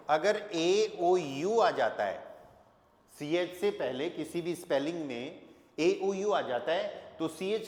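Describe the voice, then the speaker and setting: A man with a somewhat high voice gives a patient language lesson, drawing out letters and sounds and checking in often with his class. The room is echoey, with a long reverb that trails behind his words. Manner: patient, repeats key points with "ठीक है" checks; spells letters out slowly and drawn out. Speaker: German teacher.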